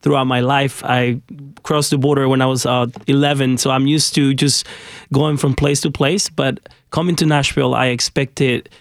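A man's voice: medium pitch, dry recording, clean studio sound. A man from Honduras, a guest musician on a radio interview, talking in a friendly, chatty way with many fillers.

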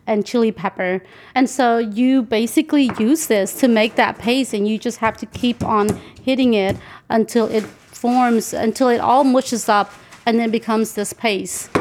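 Recorded as a guest in a home kitchen, this American woman in her forties talks casually as she cooks, laughing frequently and walking through every ingredient. Her pitch is medium, with slight background noise present.

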